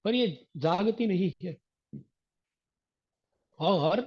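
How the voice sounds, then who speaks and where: A man, a religious teacher, giving a devotional discourse that explains verses with homely everyday examples and gentle humor, reciting scripture slowly. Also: high voice, lively intonation. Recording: dull lo-fi recording.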